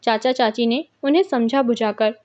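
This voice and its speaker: A woman narrating a first-person story in a measured way, pausing between short phrases. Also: on the high side, a little mellow. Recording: dull lo-fi recording.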